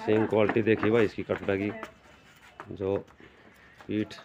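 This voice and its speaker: Standing in an open farmyard with brick walls, a man with a Haryanvi accent presents a livestock video, giving informal, emphatic commentary, questioning a farmer and repeating himself for viewers. His voice is fairly low, creaky and darkish, with little pitch movement, at normal speed. Dull phone audio carries faint noise.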